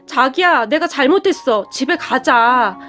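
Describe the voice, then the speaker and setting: A blustering young husband who turns whiny and meek, as a woman voices him in a higher voice than most men. It plays like a storybook read aloud over faint music. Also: lively intonation, unhurried, a bit bright. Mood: meek pleading. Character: blustering young husband, hotheaded then pleading.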